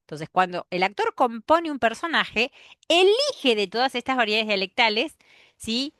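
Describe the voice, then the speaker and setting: A woman's voice: on the high side, very animated, moderate pace, fairly bright tone, dry recording, studio quality. Rioplatense woman teacher lecturing a class. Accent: Rioplatense Spanish. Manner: explanatory, checks in with "¿sí?" often; demonstrates pronunciations aloud.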